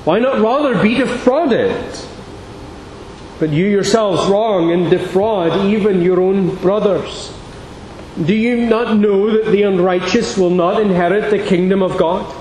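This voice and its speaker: A high-pitched man preaches from the pulpit, his voice carried by a microphone through a big, echoing sanctuary. He reads in an unhurried, measured cadence. Long reverb trails behind each phrase over a faint hiss. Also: darkish tone. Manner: measured, deliberate reading. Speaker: pastor. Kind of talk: sermon with scripture reading and prayer. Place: large church sanctuary.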